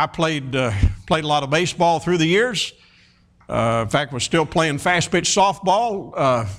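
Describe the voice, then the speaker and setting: Here's a man in his fifties giving a sermon, his voice on the high side. He spins folksy, energetic stories, often restarting and filling pauses.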